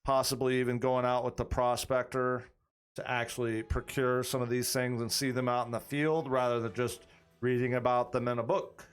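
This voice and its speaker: Here a game master runs a tabletop campaign stream, his smooth, medium-pitched voice staying level at a moderate pace. He rambles conversationally as he thinks out loud, frequently starting over, and talks with his viewers.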